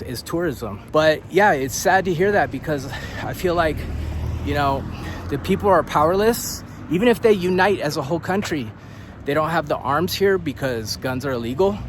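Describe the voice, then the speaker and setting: Talking straight to camera, a young American vlogger living abroad rambles loosely, tossing in "dude" and swear words and chuckling between points. He's slightly out of breath, his pitch is in an ordinary middle range, and a faint hiss runs beneath his voice.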